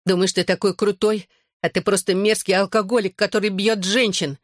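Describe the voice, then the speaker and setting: A man voicing a defiant eleven-year-old boy who speaks firmly and slowly. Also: sits high, level tone, dry recording, clean studio sound, voice pushed up, close to an everyday voice. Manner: slow, firm, defiant delivery.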